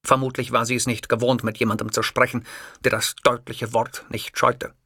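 Bright-voiced male audiobook narrator. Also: mid-range voice, little pitch movement, moderate pace, husky, dry recording, clean studio sound. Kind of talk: scripted first-person narration.

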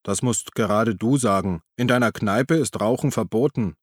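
A man voicing a calm male friend who chides his companion in a level tone. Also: on the low side, moderate pace, no echo, clean studio sound, natural voice.

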